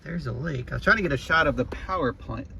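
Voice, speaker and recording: Man, creaky voice, casual rambling vlog, offhand musing, muffled recording with loud background noise. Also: fairly high pitch, animated, fast talker. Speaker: road trip vlogger.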